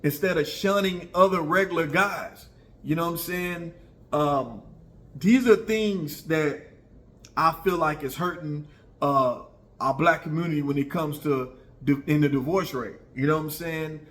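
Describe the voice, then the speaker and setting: A little high and fairly bright, this man's voice keeps a measured pace. He's an American in his early 40s who comments in online videos, offering casual opinions in a conversational way, repeating points for emphasis and frequently checking in with listeners.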